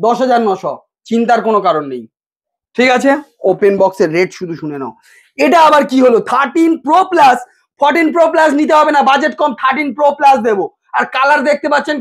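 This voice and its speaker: Man from West Bengal, very high pitch, fast hawking salesman patter with playful price teases. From West Bengal, India. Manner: hawking, teasing the viewer with rhetorical price questions. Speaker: phone shop salesman. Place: inside a mobile phone shop.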